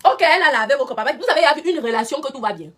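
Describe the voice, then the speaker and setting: A woman's voice: sits high, animated, racing, fairly bright tone. A woman, giving casual live-stream commentary, talking straight to her viewers and repeating her points for emphasis.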